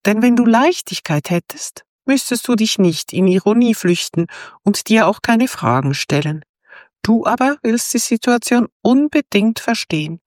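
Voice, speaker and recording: A woman voicing a small magical being, part dwarf and part fairy, in a gentle and earnest way, with her voice lifted a little above her own. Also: fairly high pitch, lively intonation, normal speed, no echo, studio quality, pitched above the performer's own voice, natural voice.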